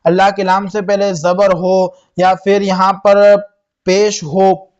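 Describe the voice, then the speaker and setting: A man's voice: high-pitched, flat delivery, darkish tone, muffled recording. A young man teaching Quran reading, spelling out letters and vowel marks one at a time, asking questions and answering them himself. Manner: spells letters slowly, then reads the word drawn out; asks questions and answers them himself, says "theek hai" often. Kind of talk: spelling-out tajweed lesson.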